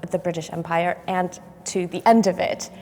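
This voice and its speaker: A woman's voice: lowish voice, steady tone, normal speed, warm tone. A woman born in Hong Kong, a public historian on a panel, speaking thoughtfully with many fillers. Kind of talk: panel seminar remarks. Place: large church hall. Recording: long hall reverb.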